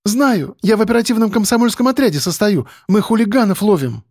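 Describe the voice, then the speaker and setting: A man doing a shrill young woman journalist. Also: expressive, fairly quick, a little mellow, no echo, clean studio sound. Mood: reproachful. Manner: high, pleading and insistent. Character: frightened young woman journalist, eager Komsomol member.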